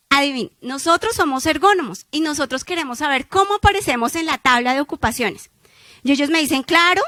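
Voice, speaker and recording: High-voiced woman giving a talk. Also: dry recording. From Colombia. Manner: animated storyteller, acts out dialogues. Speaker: conference speaker. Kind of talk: conference talk with anecdotes.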